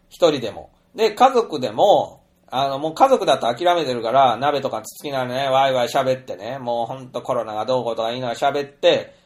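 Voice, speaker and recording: A middle-aged man telling an anecdote in a chatty, rambling monologue full of fillers. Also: medium pitch. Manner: chatty storyteller, animated, many fillers. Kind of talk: casual monologue.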